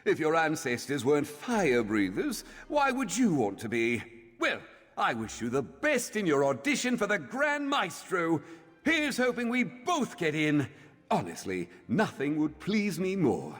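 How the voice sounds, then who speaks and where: A man's voice: on the high side, sing-song, unhurried, a bit bright, exaggerated voice. An actor playing a boastful, eager male fire-breathing performer in a video game, speaking in a showy, theatrical way. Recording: slight hall reverb with game music.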